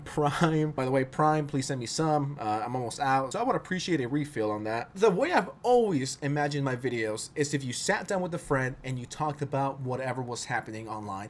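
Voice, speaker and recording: A man's voice: medium pitch, a little hiss or hum. A man talking as a YouTube commentary host in a casual, conversational, opinionated way, blunt and slangy with frequent swearing. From outside the United States.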